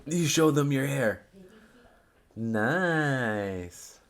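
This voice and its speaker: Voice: mid-range voice, lively intonation, very slow. A parent hosting a casual family eating video, coaxing a small child with sing-song questions.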